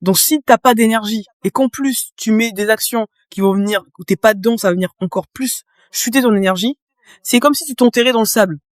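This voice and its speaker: A woman's voice: a little high, fairly quick, no room sound, clean studio sound. A woman guest in a casual interview, explaining her experience with vivid images and talking straight to the listener. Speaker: guest, business coach.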